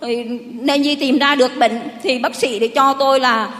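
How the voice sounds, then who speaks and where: A woman's voice: high voice, steady tone, moderate pace, a bit bright. A middle-aged woman gives a rambling, heartfelt church testimony. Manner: rambling, heartfelt storytelling with many restarts. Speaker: parishioner giving testimony. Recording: long hall reverb.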